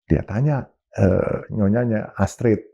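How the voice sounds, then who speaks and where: Male business guest, husky and gravelly, animated storyteller, dull lo-fi audio. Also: fairly low pitch, slow pace. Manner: animated, emphatic, mixes in English phrases. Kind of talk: interview storytelling.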